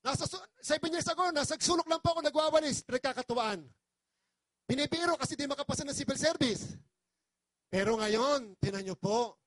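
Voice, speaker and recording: A man's voice: extremely high pitch, fairly quick, a bit bright, dry recording. A man from the Philippines giving an impassioned, pleading testimonial to an audience as a business presenter, very polite and emotional.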